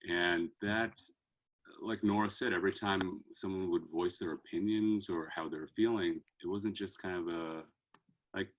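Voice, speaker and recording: A man's voice: sits low, fairly even intonation, moderate pace, low-quality recording. A man in his mid thirties, a guest on a casual video call, speaking earnestly and hesitantly with many fillers. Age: 30s. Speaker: guest singer.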